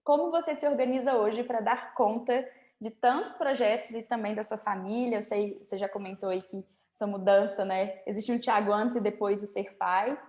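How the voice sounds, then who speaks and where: A woman's voice: mid-range voice, steady tone, moderate pace, darkish tone, echoey room. A woman hosting a productivity interview, explaining and advising in a chatty way over a video call. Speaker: host. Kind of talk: interview host chat.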